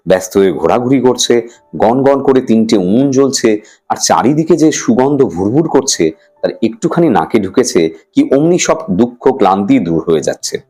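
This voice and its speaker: A male storyteller reading a children's story aloud, animated and sing-song, with his pitch rising and falling freely. His voice sits in a middle register, and faint music plays underneath. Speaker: story reader. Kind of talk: expressive storytelling narration.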